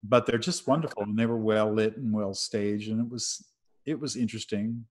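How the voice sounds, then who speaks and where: A man's voice: on the low side, fairly even intonation, moderate pace, darkish tone. Middle-aged man hosting a video call. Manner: easygoing, conversational questions. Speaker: host. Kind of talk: casual video-call interview. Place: home room with shelves. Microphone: webcam on video call.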